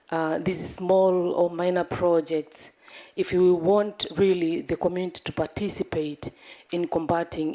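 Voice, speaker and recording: A civil society delegate from Tanzania speaks from the floor of a large conference hall in a fairly low, mellow voice. Her comment is earnest and impassioned, pleading and restarting as she thinks aloud.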